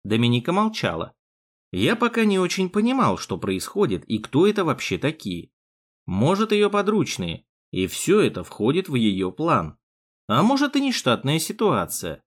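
A man narrating an audiobook chapter in first person with an expressive reading. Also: on the high side, moderate pace. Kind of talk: scripted narration.

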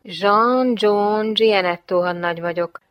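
A woman voicing a gruff, sarcastic male police lieutenant who grumbles. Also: medium pitch, no echo, close to an everyday voice.

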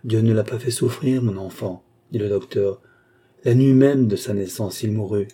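A man's voice: on the low side, mellow, breathy edge. A man voicing a grave, lecturing old doctor. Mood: gentle. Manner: measured, lecturing. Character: grave older male doctor, a reasoning philosopher.

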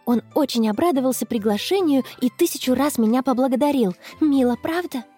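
A woman voicing a dreamy, stubborn teenage schoolgirl in love, in a storybook, soft and a little touchy. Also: high voice, fairly quick, breathy edge, faint music behind, voice pushed up.

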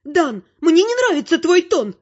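A man's voice: very high-pitched, animated, moderate pace, a little mellow, muffled recording, pitched above the performer's own voice. Stern commanding mother, voiced by a man. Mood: demanding. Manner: commanding, scolding. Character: stern imperious mother, middle-aged woman.

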